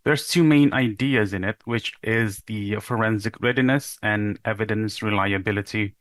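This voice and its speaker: A young man from Indonesia giving a recorded conference talk as a PhD researcher, in a measured, explanatory way with the odd rhetorical question. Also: fairly low pitch, fairly bright tone, no room sound.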